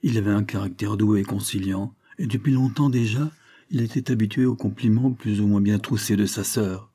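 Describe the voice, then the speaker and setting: Brief: male audiobook narrator, mellow dark tone, measured reading. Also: fairly low pitch. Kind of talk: scripted literary narration.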